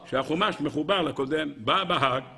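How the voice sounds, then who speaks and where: A rabbi teaches a weekly Torah lesson in a high, bright, keen voice. He fires off rhetorical questions, repeats them and answers them himself. He swings animatedly between raised and lowered tones while calling his listeners gentlemen. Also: husky.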